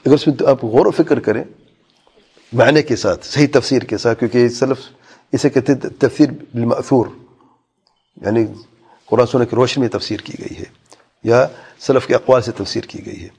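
A man's voice: mid-range voice, long pauses, a little mellow, husky. A man teaching a religious lesson, reading lines of an old text aloud and then explaining each one, often asking his listeners questions. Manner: reads lines in Arabic then explains them, with rhetorical questions.

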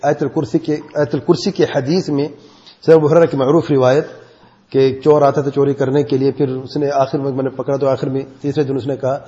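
A man's voice: medium pitch, level tone, warm tone. A man teaching a class, explaining patiently and encouraging his students. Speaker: religious teacher. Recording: dull audio in a reverberant hall.

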